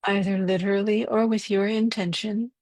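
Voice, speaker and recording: A woman leading a guided breathwork meditation, giving gentle, unhurried instructions with pauses. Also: mid-range voice, steady tone, no echo, clean studio sound.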